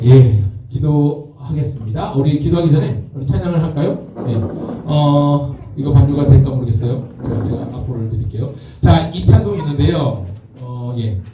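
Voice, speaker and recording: A man, a pastor, preaching a lively youth sermon and leading the congregation in shouted call-and-response chants in a church worship hall. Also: medium pitch, normal speed, lo-fi sound. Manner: energetic, leads the crowd in shouted chants. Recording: echoey hall, mic from far off.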